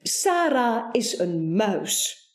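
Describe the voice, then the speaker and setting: An earnest, bookish neighbor in a storybook, as the woman reading it puts on. The delivery is slow and deliberate, with a lively lilt. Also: fairly high pitch, echoey room. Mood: solemn. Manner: earnest, then eager. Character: serious, bookish neighbor with a secret plan.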